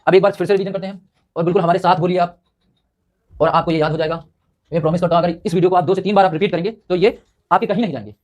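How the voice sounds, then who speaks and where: Fast-talking guy teaching a class, high voice, asks a question then answers it himself over and over. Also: fairly even intonation, a little mellow, lo-fi sound. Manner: quizzes the listener then answers himself, drilling terms by repetition. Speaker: Hindi teacher. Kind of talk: classroom lesson explaining with repeated questions.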